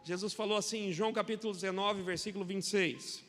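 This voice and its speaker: Brazilian male pastor, high-pitched preacher, animated storytelling sermon, long church reverb. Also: quick pace. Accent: Brazilian Portuguese. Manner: storytelling with quoted dialogue, swings between loud and quiet. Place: church hall.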